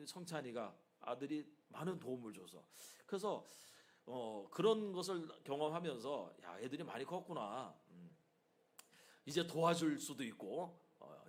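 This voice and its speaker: In a church sanctuary, a middle-aged pastor delivers a sermon to his congregation in a voice on the high side. He preaches with animated emphasis and frequently throws rhetorical asides to the listeners.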